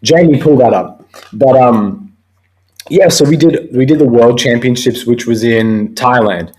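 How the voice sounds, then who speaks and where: A man's voice: medium pitch, measured pace, a little mellow, rough recording. A young man hosting a live talk show, chatting casually and laughing often. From Australia. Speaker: host. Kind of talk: casual chat.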